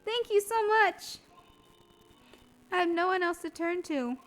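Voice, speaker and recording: A woman's voice: extremely high pitch, lively intonation, unhurried, fairly bright tone, soft background music, voice pushed up, exaggerated voice. A woman voicing an earnest young female spirit medium in training, reading game dialogue in a raised, polite, pleading voice.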